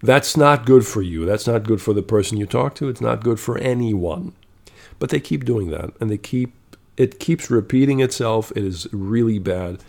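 A man's voice: lowish voice, moderate pace, vocal fry, a little mellow. A man telling a story in a casual monologue, blunt and profane, growing exasperated and checking in with "okay?".

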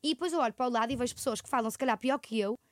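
A woman's voice: a little high, racing, no room sound, studio quality. A young woman with a European Portuguese accent, co-hosting a casual chat podcast and telling stories in a rambling way with frequent laughs. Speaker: podcast co-host.

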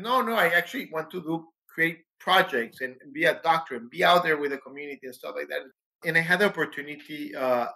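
A man's voice: a little high, pushed and bright, low-quality recording. A man from Mexico, a pediatrician answering interview questions animatedly with frequent restarts.

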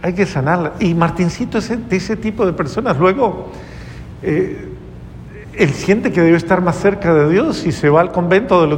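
Earnest male preacher, slightly high voice, long hall echo. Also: slight background noise. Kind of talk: sermon.

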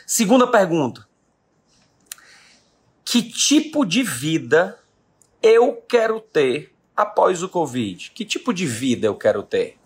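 A man in his late thirties from Brazil, who owns a business, motivates his live-stream audience emphatically, repeating the questions that matter most. He speaks slowly with frequent pauses, in a slightly high, sing-song voice with a breathy edge.

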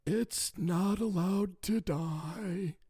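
A frail old man from a cursed town, put on by a male narrator speaks in a weak, husky, high-pitched voice. Every word comes out very slowly and wearily. The tone is dark. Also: no room sound, full character voice. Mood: grim. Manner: slow, weak, breathy.

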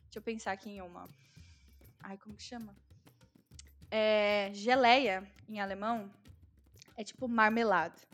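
A Brazilian woman living in Germany, appearing as a guest, chats casually with a Brazilian Portuguese accent, explaining things with lots of fillers. Her mid-range voice is steady and fairly bright, at normal speed with frequent pauses, and faint music plays behind her.

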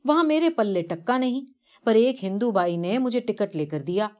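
Woman voicing a humble old pilgrim man for a story reading, lowered voice, earnest and slow, dull lo-fi sound. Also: lively intonation, darkish tone, close to an everyday voice. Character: poor elderly man, devout pilgrim, humble. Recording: dull lo-fi recording.

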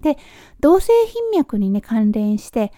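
A woman hosting a spoken lesson, explaining terms in a friendly teacherly way and slowly modelling words for the listener to repeat. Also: fairly high pitch, sing-song, no echo, clean studio sound. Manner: slow drawn-out model pronunciations between chatty explanations; teacherly, sprinkles soft tag words. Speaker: podcast host teaching medical English.

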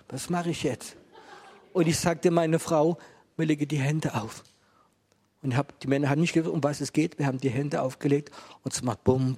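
Husky middle-aged preacher, storytelling testimony style, plays out the voices in his tale. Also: fairly high pitch, a little mellow. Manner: storytelling, acting out dialogue. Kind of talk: testimony sermon to a live audience. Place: room with a gathered audience.

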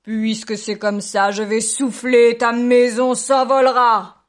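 A woman voicing a hungry, scheming male wolf in a children's story, drawing out his words slowly. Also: lowish voice, animated. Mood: threatening. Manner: slow, drawn-out, menacing wheedling.

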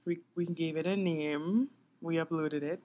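A young adult woman co-hosting a casual podcast, chatty and quick to laugh, trailing off with filler words. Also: deep voice, steady tone, dark tone. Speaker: podcast co-host. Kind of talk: casual chat.

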